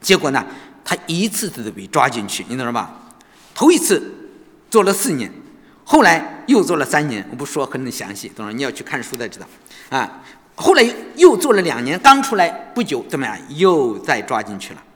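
Animated man preaching in a church. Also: mid-range voice, a little fast. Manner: animated, constant rhetorical tag questions. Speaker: pastor. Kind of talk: sermon storytelling. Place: church sanctuary. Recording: long church reverb.

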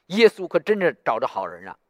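A man's voice: fairly high pitch, huge pitch swings, fairly quick, darkish tone, no echo, clean studio sound. A man voicing a blunt male police officer who teases a prisoner during questioning. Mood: teasing. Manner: teasing, blunt.

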